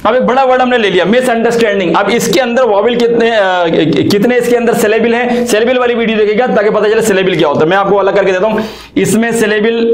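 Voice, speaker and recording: Guy w/ explaining english grammar, chatty and folksy, higher voice, echoey room. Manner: chatty, folksy, asks rhetorical questions. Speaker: English teacher. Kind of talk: casual explanatory lesson.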